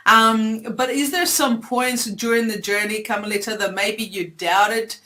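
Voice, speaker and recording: A woman hosting an interview on a video call, asking questions in a measured, encouraging way. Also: fairly high pitch, fairly even intonation, bright, forceful tone. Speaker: interviewer, host.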